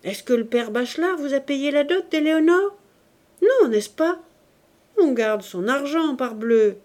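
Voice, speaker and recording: A man's voice: high-pitched, very animated, a little slow, darkish tone, heavily acted. A woman reading as a sly blustering old uncle. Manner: blustering, wheedling. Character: sly, wheedling rich old uncle, falsely sentimental.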